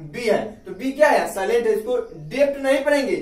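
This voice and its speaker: A man with an Indian accent gives an English lesson, asking questions and then answering them himself. His voice sits high. The sound is echoey and a bit distant from the mic. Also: expressive, fairly quick, a little mellow. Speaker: English teacher. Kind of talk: video lesson.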